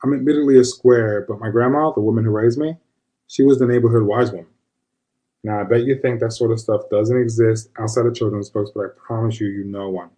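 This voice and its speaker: A man with a fairly low, mellow, natural voice tells the story briskly and with fairly even intonation, playing the self-described square man recalling his witch grandmother. It's a confiding, conversational first-person monologue captured on a low-quality recording.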